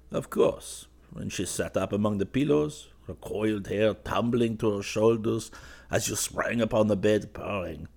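A man voicing a drowsy young painter who murmurs softly and dreamily to a cat. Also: fairly low pitch, creaky, husky, voice pushed up, heavily acted. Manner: soft, dreamy, musing.

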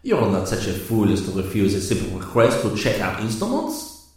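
A man voicing a suave French cruiser commander who talks smoothly and with false reassurance. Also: on the low side, wildly swooping pitch, normal speed, heavy reverb.

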